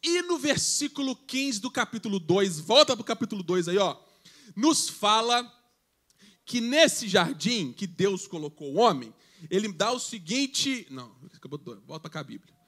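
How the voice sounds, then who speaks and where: A man's voice: high voice, very animated, normal speed, fairly bright tone. A man preaching a sermon to a youth service, conversational, reading scripture aloud and joking with the congregation. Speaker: pastor. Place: church service.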